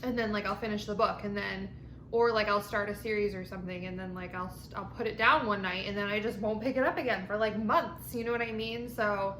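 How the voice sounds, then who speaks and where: A woman's voice: mid-range voice, steady tone, a little fast, a bit bright. Woman chatting casually in an echoey, noisy room. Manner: informal, frequent 'like', mild swearing. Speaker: vlog host. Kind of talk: casual rambling chat to camera while eating lunch. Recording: echoey room with clear background noise.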